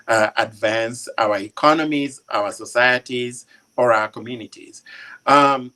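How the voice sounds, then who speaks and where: A man, a journalist being interviewed, giving political commentary in a measured, halting but articulate way. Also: mid-range voice, a bit bright, low-quality recording. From Kenya.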